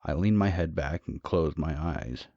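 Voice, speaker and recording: Brief: very low, gravelly male narrator for horror tales, dry and slightly lo-fi. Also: lively intonation, mellow, no room sound. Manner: measured, dramatic. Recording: dull, dry, lo-fi.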